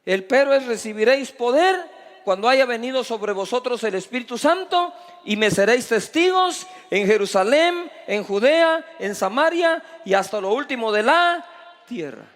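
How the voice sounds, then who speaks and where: A male pastor preaching a sermon with emphatic delivery that swings between loud and hushed. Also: extremely high pitch, animated, normal speed. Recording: long reverb of a large hall.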